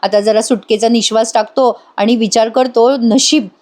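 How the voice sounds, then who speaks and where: A woman's voice: fairly high pitch, steady tone, normal speed, a little mellow. Chatty woman recapping a TV serial. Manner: chatty, asides to viewers. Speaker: TV serial reviewer. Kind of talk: voice-over episode recap.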